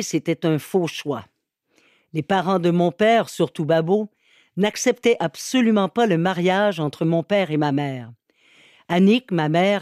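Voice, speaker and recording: A man reading an audiobook excerpt in a measured, even narration. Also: high-pitched, no room sound, studio quality. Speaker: audiobook reader. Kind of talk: scripted narration.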